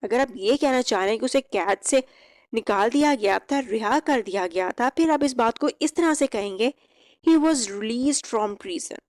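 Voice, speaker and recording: A young woman teaching English vocabulary. She reads each example sentence slowly and clearly, then explains it. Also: on the high side, expressive, no room sound. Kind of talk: vocabulary lesson.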